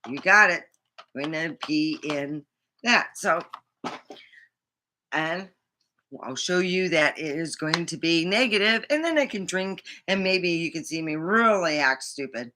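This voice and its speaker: Rambling middle-aged American woman, bright forceful voice. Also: on the low side, lively intonation, a little slow, slight background noise. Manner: rambling, blunt, profane. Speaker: vlogger. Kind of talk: casual chat to camera.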